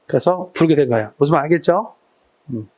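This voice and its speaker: A man with a high voice teaches a live classroom lesson. He fires short questions at his students and clears an irritated throat now and then. His delivery is casual and direct. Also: animated, fairly quick, darkish tone. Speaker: exam prep teacher. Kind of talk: classroom lecture.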